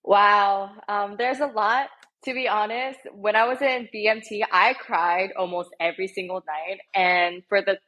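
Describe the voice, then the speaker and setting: A woman's voice: mid-range voice, steady tone, unhurried, dull audio. Chatty young woman telling her story. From United States. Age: 20s. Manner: warm, chatty with many fillers. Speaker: podcast guest. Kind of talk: interview storytelling.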